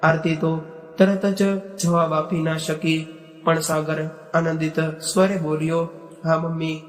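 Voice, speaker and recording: A man narrating a moral story in a steady, unhurried way. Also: on the high side. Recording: echoey, reverberant room with faint music. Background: faint background music.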